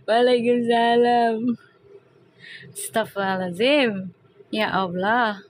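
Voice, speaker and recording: A woman's voice: fairly high pitch, steady tone, takes it slowly, slight background noise. A woman chatting casually on a tarot live stream, reading out viewer comments and laughing often. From Indonesia.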